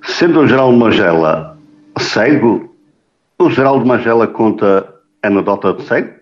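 Low-voiced male radio host. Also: animated, moderate pace. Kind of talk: interview chat. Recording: dull lo-fi sound.

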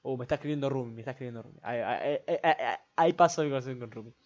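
A man's voice: medium pitch, racing. A young man with a Rioplatense Spanish accent, hosting a casual solo podcast and rambling along with many filler tags. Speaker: podcast host. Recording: dull lo-fi recording.

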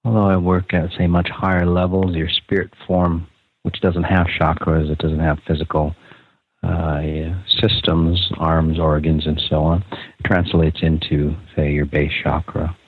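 A man leading a guided meditation podcast in a calm, casual, unscripted way, with pauses between short phrases. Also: rumbling low, slightly rough. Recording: muffled, phone-like narrow sound.

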